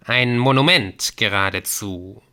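Sly amused yellow-eyed messenger, voiced by a man reading a storybook, slow. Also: on the low side. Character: giggling sly messenger with glowing yellow eyes.

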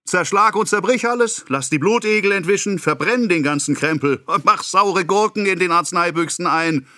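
In an audiobook, a male reader voices a pompous, excitable middle-aged apothecary, pitching the strained, raised voice well above his own and on the high side. The heavily acted character scolds breathlessly and self-importantly, yet at a slow pace. The sound is close and dry, with no room sound.

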